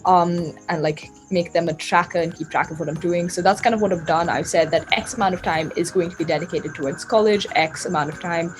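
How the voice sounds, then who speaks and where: A woman's voice: lowish voice, fairly even intonation, a little fast, hardly any pauses, faint music behind, low-quality recording. A young woman in her late teens with a light Indian accent that leans British, talking casually as a guest and laughing easily. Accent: light Indian, British-tinged. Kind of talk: casual conversation.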